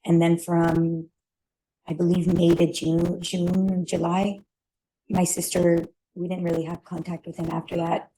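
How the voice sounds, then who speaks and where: Low, mellow woman testifying in court. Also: completely flat delivery, unhurried, a little hiss or hum, rough recording. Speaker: witness, relative of the defendant.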